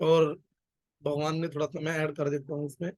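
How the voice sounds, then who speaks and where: A man's voice: fairly high pitch, little pitch movement, moderate pace, darkish tone, no echo. A man leading a scripture study class, explaining verses and guiding the readers. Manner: guides readers, corrects recitation. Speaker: class leader.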